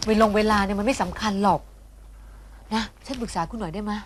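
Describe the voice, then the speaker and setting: A woman's voice: mid-range voice, fast, a little hiss or hum, lightly acted. An actress playing a fussy, insistent middle-aged mother in a TV drama, scolding and coaxing her husband. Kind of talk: Thai TV soap acting. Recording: music score underneath.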